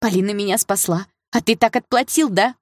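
A woman voicing a young girl who angrily accuses her brother and breaks into high, shrill outbursts. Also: extremely slow, fairly bright tone, no room sound, clean studio sound. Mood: furious.

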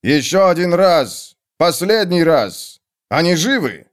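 A man voicing a grim foreign male sergeant who speaks slowly in short, broken phrases. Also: fairly high pitch, sing-song, pitched above the performer's own voice. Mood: demanding. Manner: slow, curt, broken speech.

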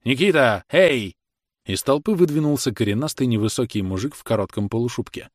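A man narrating a classic novel as an audiobook, steady and measured with dramatic weight. His voice sits in the middle of the male range, recorded close and dry with no room around it. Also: medium pitch, no echo.

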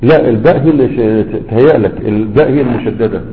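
Male grammar teacher, chatty classroom manner, long reverb, muffled lo-fi sound. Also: medium pitch. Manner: conversational, repeats words slowly to model pronunciation. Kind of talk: classroom lesson with questions. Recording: dull lo-fi audio with long hall reverb.

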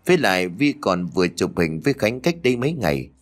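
A man voicing an anxious, guilt-ridden middle-aged father who pleads gruffly under strain. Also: low voice, very animated, fast talker. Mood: self-soothing.

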